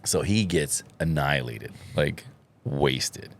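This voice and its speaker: Deep-voiced man telling stories. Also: expressive, slow. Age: 30s. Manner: swearing, storytelling with bursts of laughter. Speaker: podcast host. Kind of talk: casual chat.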